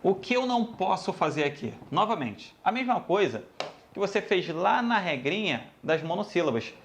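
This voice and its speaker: A man's voice: sits high, normal speed, a little hiss or hum. A man teaching a grammar lesson, addressing students casually and repeating each rule. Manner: lively, addresses students as "galera", repeats rules.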